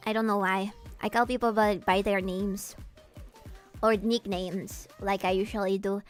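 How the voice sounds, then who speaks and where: A woman streamer chatting casually with her viewers in an animated, giggly way, her voice swooping upward when excited. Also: medium pitch, measured pace, soft background music. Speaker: VTuber streamer. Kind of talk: casual livestream chat, answering viewers.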